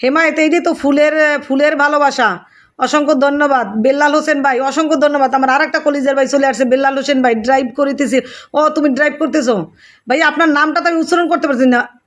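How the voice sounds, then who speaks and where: High-voiced woman reading live comments. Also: steady tone, fast. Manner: greets viewers by name and thanks them over and over. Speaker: live stream host.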